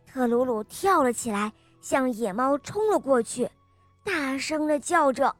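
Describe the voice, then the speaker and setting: A woman reading a bedtime-style children's story, gentle and expressive. Her voice is high and her pace is slow and deliberate. The sound is close and dry, with soft music faintly underneath. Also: no room sound. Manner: gentle, expressive, addresses kids directly.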